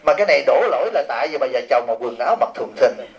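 A man's voice: medium pitch, expressive, very fast, poor audio. A man, a Buddhist monk giving a humorous sermon, reading out questions and teasing his audience with rhetorical questions.

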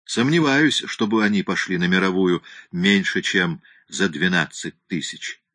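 A man voicing a frank, firm middle-aged male lawyer who speaks straight without softening his words. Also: sits low, unhurried, no room sound, heavily acted.

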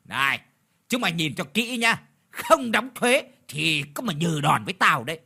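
A man voicing a cruel, brutal village chief who shouts and snarls threats at villagers. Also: medium pitch, quick pace, husky. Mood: snarling rage.

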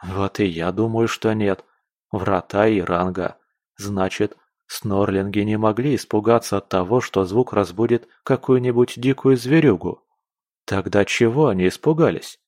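A man playing a grumbling young hunter from an audiobook, low-pitched and dry. He mutters in a wry, irritated way, as if talking to himself. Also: unhurried, a little mellow, no echo, close to an everyday voice. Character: young male monster hunter, sardonic and grumbling.

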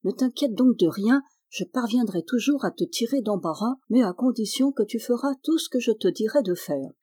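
A woman voicing a gentle, wise young sorceress who calmly reassures her brother, in a slightly breathy voice. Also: fairly high pitch, moderate pace, no room sound, voice pushed up. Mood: reassuring.

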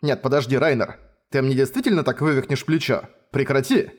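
A man's voice: mid-range voice, a little fast, natural voice. A man reading a smug mischievous young man. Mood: pleading. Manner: playful, smug, mock-villainous. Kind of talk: audiobook dialogue reading.

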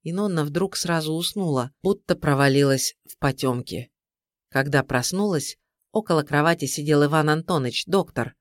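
A man tells the story in a calm, measured audiobook narration. His voice sits a little on the higher side. The recording is dry and close. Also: no echo.

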